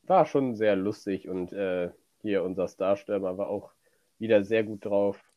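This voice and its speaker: A man's voice: lowish voice, a little slow, no echo, muffled recording. A man with a light Rhineland German accent, chatting casually and rambling through stories as a podcast co-host. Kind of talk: casual chat.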